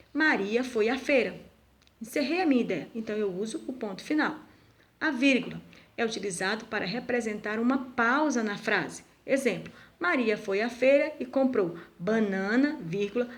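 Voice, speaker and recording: A woman teacher giving a recorded video lesson to schoolchildren, speaking slowly and deliberately and asking the pupils questions. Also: a little high. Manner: slow, deliberate, asks pupils rhetorical questions.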